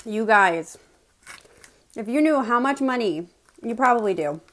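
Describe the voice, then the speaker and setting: A woman from West Virginia with an American accent tells personal stories in a casual, chatty way to viewers, pausing to chew as she eats. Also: fairly high pitch, animated, a bit bright. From West Virginia, United States. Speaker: mukbang host telling personal stories.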